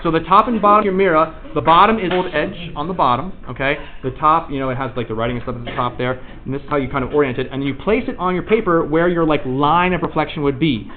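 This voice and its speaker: A man's voice: a little high, fast talker, few pauses. A man teaching a class, casually calling on students one by one and encouraging their answers. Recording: tinny lo-fi recording with class chatter. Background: students chattering.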